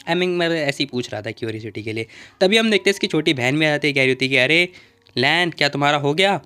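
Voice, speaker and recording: A man's voice: on the high side, expressive, rapid-fire, pushed and bright, clean tone. A man narrating a comic recap in a casual, joking way, with asides to the viewers.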